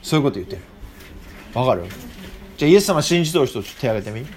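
Guy doing a bible talk for young people, super lively up and down voice, keeps asking the group stuff. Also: mid-range voice, rapid-fire, slight background noise. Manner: chatty, asks the group many questions. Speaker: church youth teacher.

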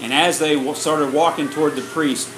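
A man's voice: fairly high pitch, fairly even intonation, slow. A man preaching a sermon in short sections, retelling it in a plain, conversational way. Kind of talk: sermon storytelling, paused for interpretation. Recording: roomy, echoey room with a faint air-conditioner hum.

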